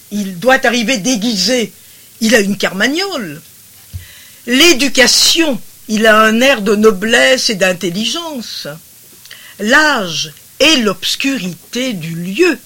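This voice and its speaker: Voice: mid-range voice, pushed and bright. A literature lecturer who reads passages aloud and comments on them in a digressive, explanatory way, with frequent rhetorical asides.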